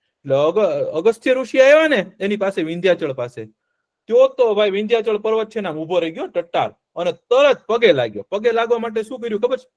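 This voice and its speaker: High-voiced man telling children a story. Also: fairly quick. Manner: asks the children questions and repeats the answers, lively and playful. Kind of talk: interactive storytelling lesson for children.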